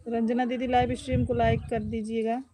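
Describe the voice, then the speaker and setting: A woman's voice: a little high, little pitch movement, a little fast, dark tone. A woman hosting a live stream from outdoors, greeting viewers by name and asking after their health. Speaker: live-stream host and folk singer. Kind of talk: live-stream chat reading viewer comments. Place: outdoors at home, in the open air. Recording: noisy outdoor phone recording. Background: birds, animals and rural outdoor sounds.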